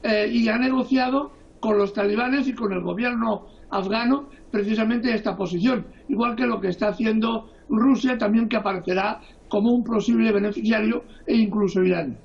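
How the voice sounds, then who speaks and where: A male guest analyst giving political commentary, hesitating often with drawn-out fillers. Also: high-pitched, gravelly, muffled recording.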